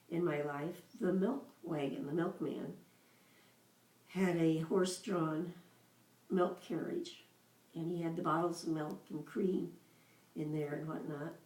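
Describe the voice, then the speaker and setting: Older lady slowly telling old family memories, lowish mellow voice, roomy echo. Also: recorded from a distance. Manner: unhurried storytelling with pauses. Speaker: mother recalling childhood. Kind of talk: casual reminiscing.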